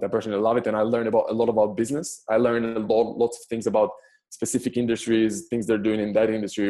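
An Israeli man in his thirties, not an English speaker, talks through his answers in a low, warm, rounded voice. He stops and restarts often, repeating words as he looks for the phrase, in an unhurried conversational way. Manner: halting, frequent restarts and stammered repeats, non-native phrasing. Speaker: podcast guest, business investor. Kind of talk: casual interview answers.

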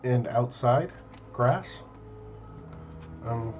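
A young man doing casual game commentary, deadpan and wry. He takes his time, and the sound is dull, with faint music behind. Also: mid-range voice, very slow. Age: young adult. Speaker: video game streamer. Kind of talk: casual let's play commentary. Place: small room indoors. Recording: band-limited, dull webcam-setup audio.

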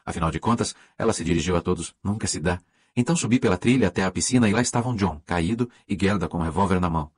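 A man's voice: deep voice, fast talker, slightly rough, no echo. A man reading the part of a gracious, vague older lady hostess who chats apologetically in an audiobook. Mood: chatty. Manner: apologetic, chatty, socially polite.

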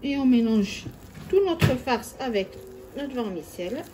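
This cooking host's voice is on the high side with lively intonation, and she moves at a measured pace while guiding viewers through each step at home. Noise fills the background.

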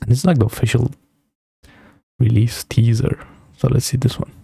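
With trailer music in the background, a young man at his streaming setup in a small room casually comments on game trailers using slang. He speaks at a moderate pace in a flat, mid-range voice with vocal fry, warm and slightly rough, in a dry, studio-quality recording.

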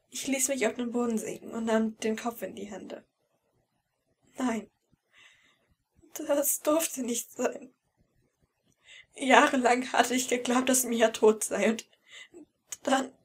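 A woman's voice: on the high side, breathy edge. A woman reading a fan-fiction audiobook in first person, with emotional, tense storytelling. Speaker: audiobook reader.

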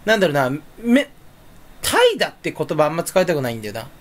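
Casual solo chatter, male, rambling and self-deprecating, pitch leaps all over. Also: big pitch swings, quick pace. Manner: rambling, self-mocking, swings pitch up suddenly. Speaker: streamer.

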